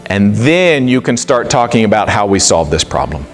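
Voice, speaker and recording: A middle-aged man giving an animated, conversational talk to a live audience, acting out quoted dialogue. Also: fairly low pitch, moderate pace, soft background music. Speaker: speaker.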